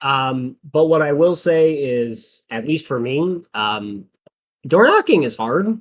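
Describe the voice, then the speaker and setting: A man's voice: medium pitch, sing-song, slow, a little hiss or hum. A young man co-hosting a casual podcast, telling stories with quoted voices and frequent laughs. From American Midwest. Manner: storytelling, acts out quotes, laughs often. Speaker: podcast co-host. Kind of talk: casual chat.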